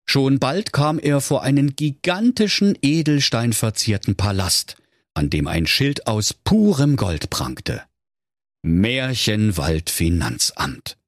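Animated male fairy-tale storyteller. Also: mid-range voice, takes it slowly, dry recording, clean studio sound. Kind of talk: comic fairy-tale narration for children.

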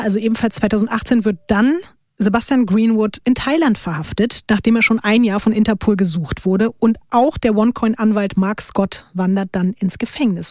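A woman's voice: mid-range voice, dark tone, dry recording, studio quality. A young woman hosting a podcast, telling a true crime story in casual, colloquial chat and laughing often.

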